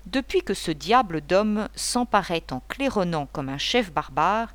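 Woman audiobook narrator, lowish voice, lively expressive read, dry close sound. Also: unhurried, dry recording. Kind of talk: scripted narration of a novel.

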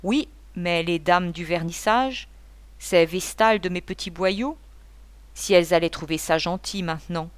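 A woman's voice: lowish voice, a little slow, clean tone, no room sound, lightly acted. A woman voicing a boisterous, talkative male painter who rambles and gives orders in a mocking tone. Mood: chattering, bossy.

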